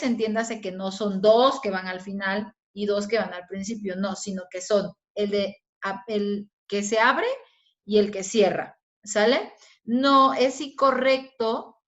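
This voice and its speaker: Mexican schoolteacher explaining, dull recording. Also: female voice, mid-range voice. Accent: Mexican Spanish. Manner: explains step by step, often checks in with "¿sale?" and "¿sí?". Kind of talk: recorded video lesson.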